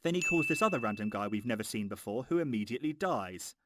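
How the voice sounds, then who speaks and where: A man's voice: mid-range voice, animated, fast, very noisy. A man narrating a scripted film review in a mocking, exasperated, sweary way.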